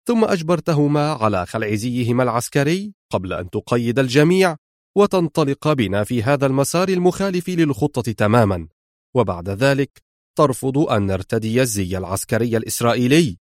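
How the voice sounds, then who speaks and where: A man's voice: mid-range voice, no echo, clean studio sound, close to an everyday voice. A man reading an audiobook, voicing a proud, short-tempered army lieutenant colonel who demands answers. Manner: demanding, indignant.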